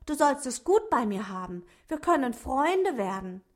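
An eager young boy speaks brightly to his new pet, as a woman reads him. His voice is lifted and friendly, with plenty of movement. He fits a storybook read aloud. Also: high-pitched, big pitch swings, unhurried, voice pushed up.

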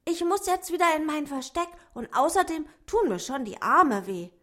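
A woman voicing a tiny, kind and helpful male dwarf in a children's story, calling out brightly and encouraging. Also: sits high, expressive, moderate pace, voice pushed up. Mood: eager.

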